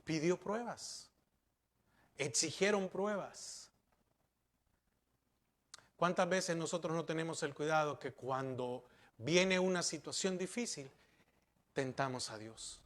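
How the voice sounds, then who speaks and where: A man's voice: on the high side, takes it slowly, pauses often, fairly bright tone. A man pastor preaching a sermon, asking rhetorical questions and repeating key words for emphasis.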